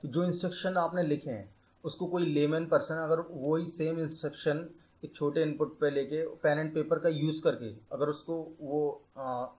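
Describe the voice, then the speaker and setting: A young man, a tutor, teaching computer science step by step, mixing English terms into his talk and slowing down to dictate definitions. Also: fairly high pitch, steady tone, darkish tone, low-quality recording. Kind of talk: explaining a lecture.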